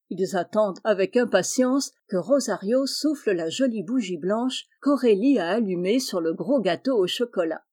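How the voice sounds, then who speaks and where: A woman reading a children's storybook aloud, in a clear, expressive storytelling manner. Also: medium pitch.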